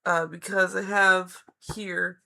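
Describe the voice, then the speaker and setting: A woman giving a live psychic-hotline style card reading, speaking in halting, deliberate phrases with an encouraging, reassuring manner. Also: fairly low pitch, little pitch movement, gravelly, bright, forceful tone. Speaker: live-stream tarot reader and host.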